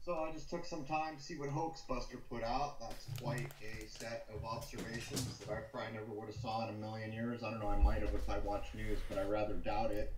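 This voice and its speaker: An American man hosting a casual live-stream commentary, phrasing his thoughts in a deliberate, hesitant way over muffled call audio. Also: on the low side, darkish tone, slight background noise. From United States.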